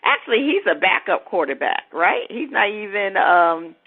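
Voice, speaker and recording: A woman's voice: medium pitch, sing-song, moderate pace, slightly rough. Chatty woman sports host on a phone line. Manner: chatty, laughs easily, searches for names aloud. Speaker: sports talk show host. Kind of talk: casual sports talk. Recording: phone-like narrow sound.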